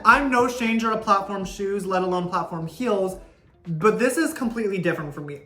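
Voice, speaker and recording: A woman YouTuber chatting excitedly through a casual unboxing vlog, her voice bouncing around a kitchen in a heavy echo. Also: medium pitch. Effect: heavy room echo. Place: kitchen indoors. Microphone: camera mic, no clip-on. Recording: echoey kitchen with faint music.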